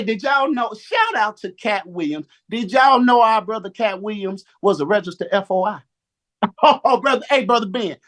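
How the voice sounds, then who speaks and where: A man giving a preacher-style motivational talk on a Zoom call, animated and slang-heavy, calling on listeners to answer back. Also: high voice.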